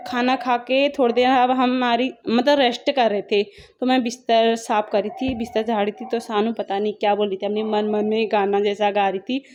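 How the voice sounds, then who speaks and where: A woman's voice: on the high side, a little mellow, dull audio, a little hiss or hum. Chatty young Hindi vlogger woman. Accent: Pahari-tinged Hindi. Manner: chatty, rambling, homely storytelling. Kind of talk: casual daily-life vlog narration.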